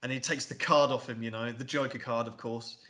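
A man co-hosting a podcast, chatting casually about a film in a rambling, excitable way with lots of swearing. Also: medium pitch, fairly quick. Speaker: podcast co-host. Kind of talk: casual film review chat.

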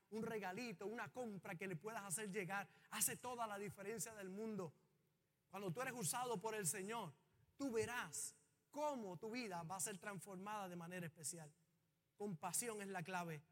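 Impassioned high-voiced male pastor preaching. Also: moderate pace, big-room sound. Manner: impassioned preaching that builds to loud fervent peaks. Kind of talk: sermon. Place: church.

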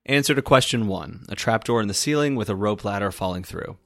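An actor playing a short-tempered, sarcastic private eye in an audio drama, with a brusque, tough-talking manner. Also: male voice, lowish voice, animated, brisk, a bit bright, dry recording, clean studio sound. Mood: wry. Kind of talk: audio drama acting with first-person narration.

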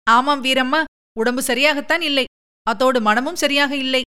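A woman's voice: high voice, normal speed, sharp tone, smooth, voice pushed up. A woman voicing a worried, lovesick young princess who speaks in a pleading, emotional way. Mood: troubled.

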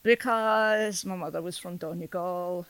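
A woman's voice: lowish voice, unhurried, clean tone, no room sound. A woman in her sixties from Scotland with a Scottish accent, a storyteller talking casually on a podcast, laughing often and poking fun at herself. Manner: chatty, laughs often, self-deprecating. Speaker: storyteller guest.

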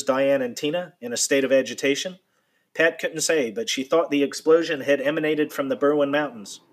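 A man reading a nonfiction account aloud in a steady, measured storytelling manner. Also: medium pitch. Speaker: narrator.

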